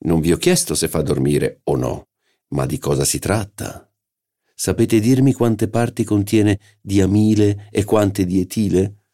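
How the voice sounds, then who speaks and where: A man's voice: sits low, lively intonation, normal speed, dark tone, voice pushed up. A man voicing a pedantic, dogmatic doctor who lectures and teases his sleepy wife in an audiobook. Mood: lecturing. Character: pedantic dogmatic male doctor, teasing husband. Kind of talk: audiobook character voice.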